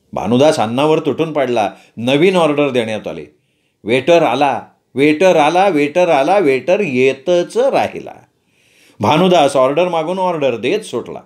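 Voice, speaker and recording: A man's voice: medium pitch, darkish tone. A man narrating a story, with playful asides to the listeners.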